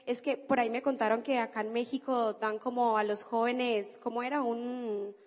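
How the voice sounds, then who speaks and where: A woman with a Cali Colombian accent and a high, bright voice gives an emphatic, enthusiastic business pep talk at normal speed with fairly even intonation. Long hall reverb suggests a large convention venue.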